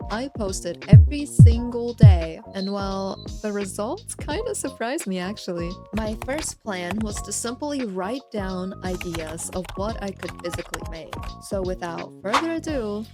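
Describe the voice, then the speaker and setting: A woman narrating her vlog from a script in a playful, self-mocking way, on a crisp new microphone. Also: mid-range voice. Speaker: VTuber content creator. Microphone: new studio microphone. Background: background music.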